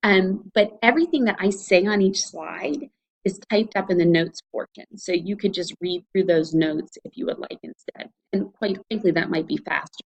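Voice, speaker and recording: The recording is muffled, but you can hear a gravelly woman's voice in the middle range, speaking at an ordinary speed. As a college instructor with an Ohio Valley American accent, she chats students through an online course in a loose, explanatory screencast.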